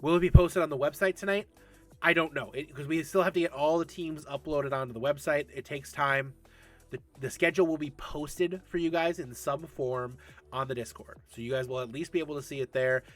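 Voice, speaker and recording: A man's voice: fairly high pitch, a little fast, faint music behind. A man in his late thirties hosting a casual livestream Q&A for an esports league, chatty and laughing often while answering chat. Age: 30s.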